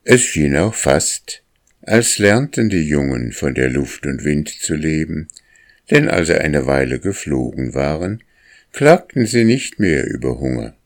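A man narrating a children's storybook in a calm, measured reading. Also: extremely low pitch.

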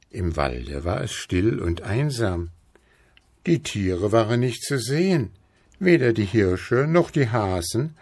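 A man reading a fairy tale aloud slowly and expressively. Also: husky, dry recording. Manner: slow, expressive, lively pitch. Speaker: storyteller.

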